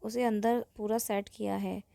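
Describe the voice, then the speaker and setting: A woman voicing a playful, quick-tempered woman who teases in a mock-offended way. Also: mid-range voice, flat delivery, creaky, mellow, no echo. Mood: teasing.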